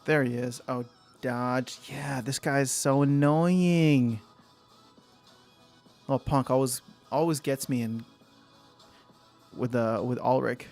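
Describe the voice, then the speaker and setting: A man's voice: medium pitch, slow, vocal fry, pauses often, darkish tone, faint music behind. A young man hosting a casual livestream, thinking aloud, answering chat and trailing off mid-sentence. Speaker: livestream host.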